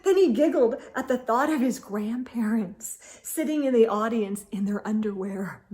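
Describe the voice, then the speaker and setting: With a fairly high voice, a female storytime host reads from a children's book, taking an expressive, deliberate approach to the telling.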